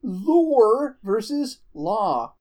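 A woman co-hosting a podcast in casual banter, teasing with quick retorts and swearing. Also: fairly high pitch, big pitch swings, dark tone. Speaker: podcast co-host.

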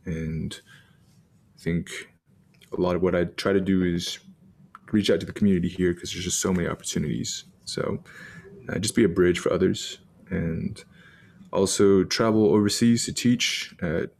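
A man's voice: low voice, fairly even intonation, normal speed, vocal fry, a little mellow, a little hiss or hum. A man in his thirties from Texas, a pastor co-hosting a podcast, talking in a laid-back, joking way. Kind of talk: casual chat.

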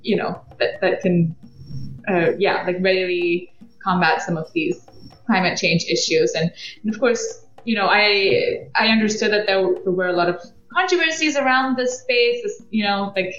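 A woman's voice: medium pitch, moderate pace, a bit bright. A woman in her thirties, from Belgium, a podcast guest who talks casually with many fillers and restarts. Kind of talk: casual interview. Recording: echoey, muffled podcast audio.

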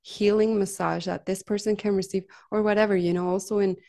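A woman's voice: medium pitch, level tone, fairly quick, dark tone. A woman massage therapist talking casually and earnestly about her work, often tagging her sentences with "like" and "right?". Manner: chatty, frequent "like" and "right?" tags; earnest, heartfelt. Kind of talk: casual conversational storytelling.

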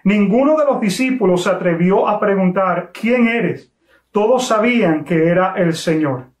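A man preaching a sermon, telling a story with emphatic, slowly stressed phrases. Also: sits high, lively intonation, echoey room. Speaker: pastor.

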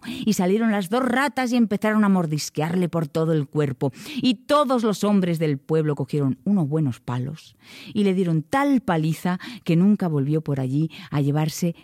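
A woman storyteller telling a folk tale to children in an expressive, rhythmic way. She speaks to her listeners directly. The recording is close and dry. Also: low-pitched, dry recording.

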